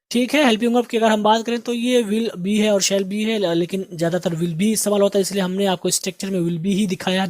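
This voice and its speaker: A man's voice: high-pitched, no room sound. Guy with indian urdu accent teaching english words, says each one over and over, dry sound. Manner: drills words with slow repeated pronunciation. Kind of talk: recorded lesson.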